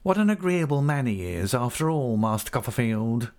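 A man reading a storybook voicing a sly, fawning young male clerk in a croaking, wheedling whisper. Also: mid-range voice, sing-song, moderate pace, darkish tone, pitched above the performer's own voice.

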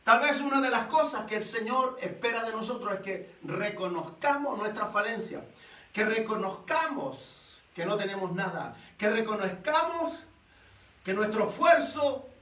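A man preaching a sermon with a very high, bright, ringing voice. He tells the story in an animated way, full of rhetorical questions. He is heard from a distance in an echoey church hall. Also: measured pace.

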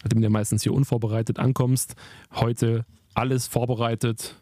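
Husky man teasing on a podcast. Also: medium pitch, level tone, normal speed, warm tone, dry recording, studio quality. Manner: teasing, mock-serious. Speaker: podcast co-host. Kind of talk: casual podcast banter.

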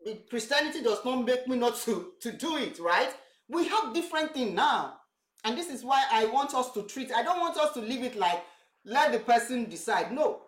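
A woman's voice: fairly high pitch, animated, moderate pace. Earnest Nigerian woman, echoey room. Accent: Nigerian (Yoruba). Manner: earnest, repeats words while searching for phrasing. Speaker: co-host, pastor's wife. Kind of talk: church talk show discussion.

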